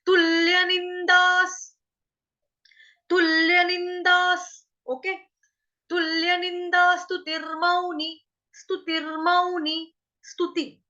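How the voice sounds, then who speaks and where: A woman with a Hindi accent, teaching Sanskrit verse pronunciation, sings phrases in long drawn-out tones and quizzes her students patiently. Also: high voice, pushed and bright, lo-fi sound. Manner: drawn-out sung model phrases, then quick plain explanations. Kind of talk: slow line-by-line pronunciation lesson.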